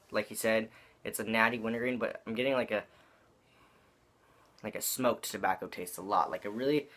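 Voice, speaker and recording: A man's voice: on the low side, fairly bright tone. A young man talking with chewing tobacco in his mouth, giving a casual, rambling, slangy product review with some swearing.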